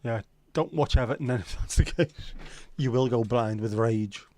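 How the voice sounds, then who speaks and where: This casual livestream features a middle-aged Scouser from Liverpool joking with viewers, responding to their comments and cursing freely. He speaks at a moderate pace in a mid-range, darkish voice, recorded with no room sound.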